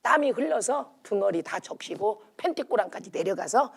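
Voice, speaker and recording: In a prayer retreat chapel, a woman pastor preaches at normal speed with a creaky, breathy-edged voice. Her sermon, which includes sung hymn lines, is emphatic and animated, swinging between loud calls and low asides.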